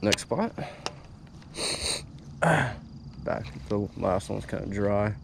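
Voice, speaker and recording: A young man talking casually as he fishes from a small boat on a lake, getting excitable when a fish bites. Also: lowish voice, very slow, creaky. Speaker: angler filming his fishing trip. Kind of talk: casual fishing vlog chat. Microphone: head-mounted action camera. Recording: noisy outdoor action-camera audio. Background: steady outdoor noise of wind and water.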